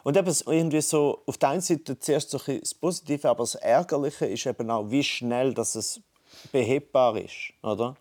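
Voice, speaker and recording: A man's voice: medium pitch, brisk, a little mellow. A man, co-hosting a casual podcast talk and thinking aloud with many restarts. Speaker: podcast co-host. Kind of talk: casual conversation. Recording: phone call.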